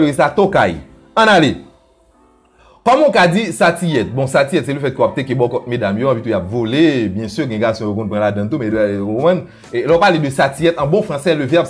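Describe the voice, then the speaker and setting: In a playful video lesson, this Haitian Creole-accented language teacher regularly lowers his voice for asides. For quoted voices, he springs up to a high pitch.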